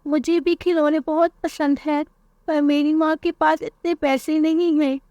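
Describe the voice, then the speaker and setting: A woman voicing a trusting young boy bird in a cartoon, eager and high-pitched. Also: level tone, measured pace, mellow, no echo, studio quality. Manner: eager, whiny when scared.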